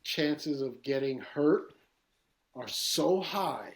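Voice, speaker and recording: A guest artist from East New York, Brooklyn, speaks in a slightly high, very slow voice with a New York street accent. In a casual podcast interview, he rambles, swears, and tells stories with lively animation.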